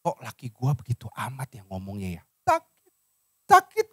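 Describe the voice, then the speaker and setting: A man's voice: high voice, animated, normal speed, vocal fry, mellow, slightly rough, dry recording, studio quality, heavily acted. Man putting on a fretful hurt wife. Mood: hurt, worried. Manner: plaintive, fretful muttering. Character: hurt, anxious wife brooding over her husband.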